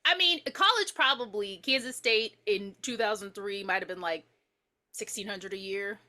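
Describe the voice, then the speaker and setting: A woman co-hosting a movie podcast, excitable and profane, jumping in over the others. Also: medium pitch, normal speed. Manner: excited and interrupting, often laughing. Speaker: podcast co-host. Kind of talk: casual chat, profane and joking.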